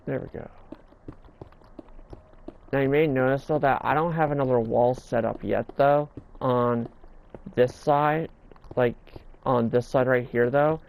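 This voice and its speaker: This man's voice is mid-range, unhurried, and fairly even, carrying vocal fry, long pauses, and a darkish yet clear, resonant tone. As a gaming video host, he narrates a build in a casual tutorial, stumbling, repeating himself, and occasionally stuttering.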